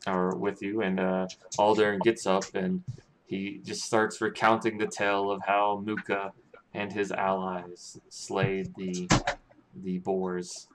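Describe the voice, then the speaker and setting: A man narrating a tabletop game as game master, halting and full of restarts. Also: deep voice, completely flat delivery. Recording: noisy with clicking.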